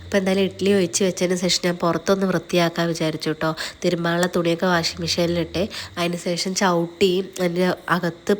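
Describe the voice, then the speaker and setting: Brief: woman vlogger, nasal with a cold, quick and flat, teasing home chat, faint hiss behind. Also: lowish voice. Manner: chatty, teasing, tags lines with "kētto". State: nasal from a night-time cold. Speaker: vlogger, mother. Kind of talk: casual voice-over narration. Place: home, recorded at night over the footage.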